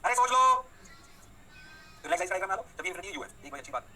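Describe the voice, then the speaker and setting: Male teacher, high-pitched, very fast, sharp tense voice, lively call-and-response lecture. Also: slight background noise, low-quality recording. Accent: Hindi. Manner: energetic, coaxing students with call-and-response; fast, rapid-fire explanations. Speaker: physics teacher.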